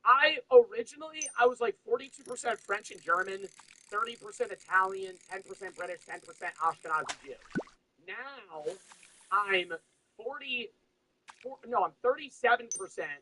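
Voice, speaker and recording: A man's voice: sits high, lively intonation, moderate pace, sharp tone, a little hiss or hum, low-quality recording. A young man streaming, chatting casually, rambling and swearing with frequent laughs. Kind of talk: casual chat.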